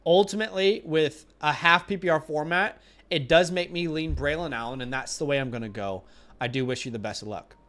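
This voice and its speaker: A man in his young adult years hosts a casual fantasy football livestream. He rambles, gets animated and a bit exasperated, and is losing his voice. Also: a little high, fairly quick. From Australia. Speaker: fantasy football host answering live chat questions.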